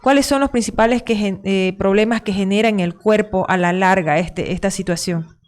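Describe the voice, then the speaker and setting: A woman's voice: medium pitch, moderate pace, darkish tone. A woman hosting a radio interview, asking long, rambling questions. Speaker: radio host.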